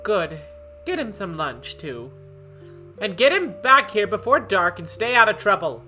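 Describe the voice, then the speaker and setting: A woman's voice: medium pitch, sing-song, unhurried, sharp tone. Woman putting on a brusque, stern old aunt cat. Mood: bossy. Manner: brusque, scolding. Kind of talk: amateur cartoon dub. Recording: guitar music behind.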